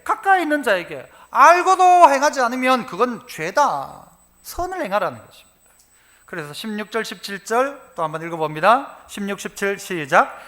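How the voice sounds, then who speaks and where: Man, Gyeongsang accent, pastor preaching; high, bright voice, very animated delivery, call-and-response with the congregation. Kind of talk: sermon. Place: church sanctuary.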